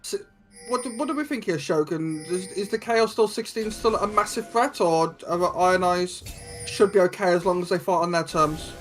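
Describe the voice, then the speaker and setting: A man's voice: high-pitched, normal speed. A man casting a live esports match, bantering playfully with his co-casters. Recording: game music clearly behind the voice.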